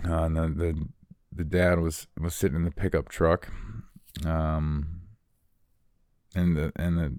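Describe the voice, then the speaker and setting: A young American man talking in an unscripted, reflective monologue, rambling and halting as he repeats his words. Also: low-pitched, darkish tone, smooth, no room sound, clean studio sound.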